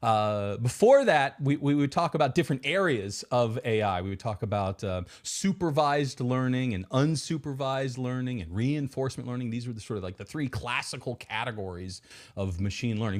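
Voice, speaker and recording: Lively-voiced man answering interview questions. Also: medium pitch, fairly quick. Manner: many repeated words and restarts, quotes hype voices mockingly. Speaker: podcast guest, technology executive.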